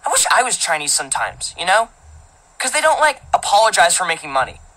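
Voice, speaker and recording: A woman's voice: lowish voice, big pitch swings, fast talker, a bit bright, poor audio. A woman narrating a teenage boy's first-person story as an audiobook, in a casual, filler-filled, indignant manner. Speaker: audiobook reader.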